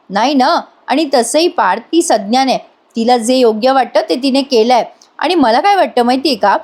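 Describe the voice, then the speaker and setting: A sharp-tongued aunt, voiced by a woman retelling a serial, scolds in a slightly raised, needling tone. She pokes at her listener line after line, defending her niece. The manner is chatty and pointed rather than shouted. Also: high-pitched.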